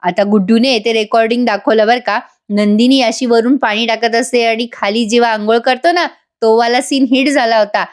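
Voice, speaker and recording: A woman's voice: fairly high pitch, steady tone, normal speed, hardly any pauses. A woman narrating a voice-over recap of a TV serial episode, chatting directly to her viewers. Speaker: TV serial reviewer.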